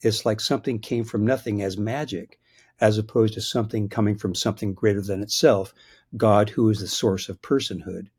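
A fairly low, steady voice, a little mellow and slightly rough, moving at a moderate pace. The speaker is a biblical scholar in his sixties who answers interview questions in a thoughtful, hesitant way, with frequent restarts and chuckles at his own points.

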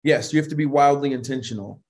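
This talkative man has a high voice and a quick pace. A worship leader and vocal producer appearing as an interview guest, he shares stories in relaxed conversation, staying animated, laughing a lot, restarting often, and dropping "you know what I mean."

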